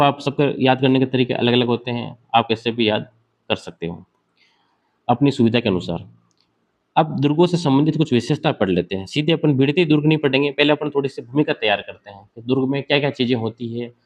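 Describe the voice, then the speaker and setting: A man's voice: medium pitch, darkish tone, highs cut off. Hindi-speaking man teaching, self-answering questions. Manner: asks questions then answers them himself; sketches on a board while explaining. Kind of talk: exam-prep lecture.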